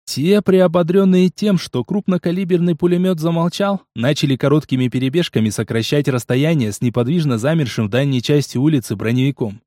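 A man reading a first-person action audiobook in a steady storytelling manner. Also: on the high side, fairly quick, hardly any pauses, no echo, studio quality. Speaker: audiobook reader. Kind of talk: scripted first-person narration.

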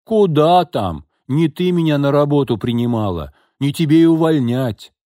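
A man's voice: fairly high pitch, lively intonation, moderate pace, mellow, no echo, clean studio sound, voice pushed up, lightly acted. A man voicing an old female housekeeper who scolds in blunt, coarse, folksy speech. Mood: scolding.

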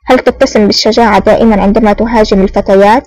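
A woman's voice: mid-range voice, fairly even intonation, very fast, a little mellow, no echo, natural voice, poor audio. A woman voicing a defiant young female officer held hostage in an audiobook, wry and unbowed.

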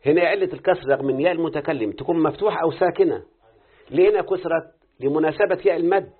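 A man's voice: a little high, slightly rough. A man with an Egyptian accent teaching Quranic readings and Arabic grammar in a live lesson, checking that his student follows with frequent questions. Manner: quick explaining, checking understanding with questions. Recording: tinny phone-like lo-fi recording.

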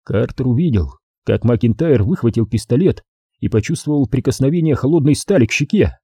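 A male narrator reading a crime thriller aloud with a lively, rising and falling pitch. His voice is mellow and somewhat husky. The recording is dry and close, with no room sound. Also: fairly quick, dry recording. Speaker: audiobook narrator. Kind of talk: scripted narration.

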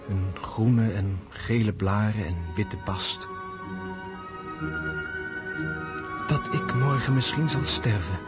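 An actor playing a melancholy prince and officer, speaking a grave, deliberate, introspective monologue in a radio drama. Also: male voice, fairly low pitch. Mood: fearful, resigned. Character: melancholy Russian prince and officer brooding before battle. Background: orchestral string music.

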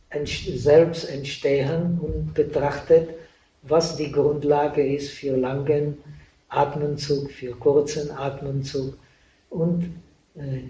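A Buddhist monk gives a dharma talk in a roomy hall, picked up by a microphone set some distance away. His mellow voice stays flat and unhurried. He speaks halting, non-native German full of pauses and fillers. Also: on the high side, slight background noise. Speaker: Buddhist monk teaching meditation. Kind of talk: dharma talk at a meditation retreat. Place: retreat meditation hall. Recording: echoey room, voice from a distant mic.

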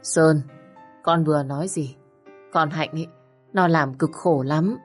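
Woman playing frail elderly mother, weak, slow, scolding gently, low voice. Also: breathy edge, soft background music. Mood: reproachful. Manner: weak but reproachful.

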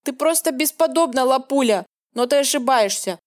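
A woman's voice: high voice, expressive, moderate pace. A woman reading the lines of a cold, contemptuous man in an audiobook, in her own voice. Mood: cold scorn. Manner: scornful, dismissive.

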